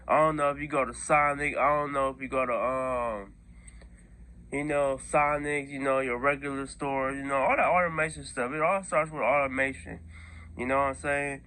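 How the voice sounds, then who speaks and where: A man's voice: medium pitch, pushed and bright. An American man hosting an online video, rambling casually through his opinions in heavy slang and often checking that listeners follow him. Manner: slangy, repeatedly seeking agreement with listeners.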